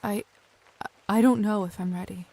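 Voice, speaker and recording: An actress playing a hesitant, earnest newly turned female vampire in a video game, soft-spoken and tentative. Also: medium pitch, steady tone, moderate pace, close to an everyday voice. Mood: wary, questioning. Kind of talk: scripted game dialogue.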